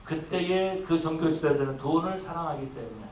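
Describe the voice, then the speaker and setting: A man's voice: a little high, moderate pace, a little hiss or hum. A male pastor preaching an earnest sermon and acting out the voices in the stories he tells. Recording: echoey room from a distance with faint ambience.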